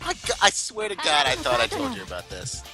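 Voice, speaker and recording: A young man telling a story in a casual podcast chat, animated and laughing often. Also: high voice, fairly quick. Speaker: podcast co-host. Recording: clear background music.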